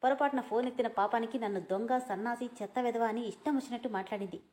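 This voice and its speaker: A woman voicing a hot-tempered, sharp-tongued young man who scolds angrily. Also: fairly high pitch, fast, natural voice. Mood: indignant. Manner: angry, scolding.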